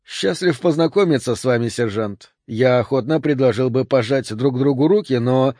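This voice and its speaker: A man voicing a calm, refined male agent with a Southern US accent, speaking courteously and with irony. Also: medium pitch, moderate pace, no room sound, studio quality, lightly acted. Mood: urbane. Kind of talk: audiobook character voice.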